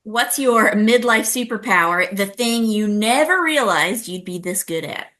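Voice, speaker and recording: A woman's voice: mid-range voice, lively intonation, unhurried, bright, forceful tone. A woman co-hosting a podcast, chatting casually and effusively. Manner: effusive and enthusiastic. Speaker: podcast co-host. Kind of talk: casual chat.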